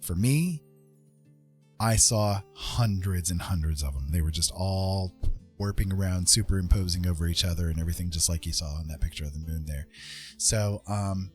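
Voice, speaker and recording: A livestream host with a low voice chats casually at normal speed, telling personal stories in a rambling, informal way full of "like" and "you know." Soft music plays behind him.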